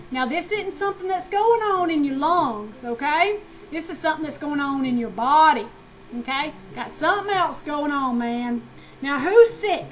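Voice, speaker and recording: A woman with a high, bright-sounding voice lectures a nursing class in a lively, slangy way. She fires questions at the students and answers them herself. The recording carries clear background noise. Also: low-quality recording. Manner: animated, slangy, asks and answers own questions.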